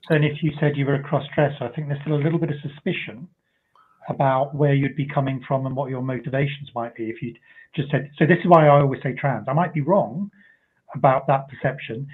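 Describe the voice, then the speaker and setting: Chatty panelist on a thin phone line. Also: male voice, mid-range voice, slight background noise. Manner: chatty storyteller who acts out voices in quotes. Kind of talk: anecdotal panel chat. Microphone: video call. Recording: tinny phone-like audio.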